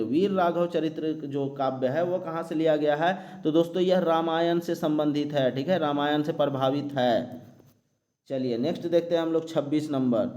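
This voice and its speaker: A man teaching an exam-prep lecture. He reads each question slowly, then explains the answer step by step. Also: on the high side, darkish tone. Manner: explains step by step, frequent "ठीक है" and "दोस्तों".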